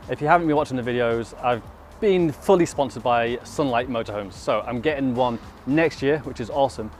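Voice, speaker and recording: A man's voice: medium pitch, a little hiss or hum. A man talking informally to his viewers in a casual vlog style. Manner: informal, chatty. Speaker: vlogger.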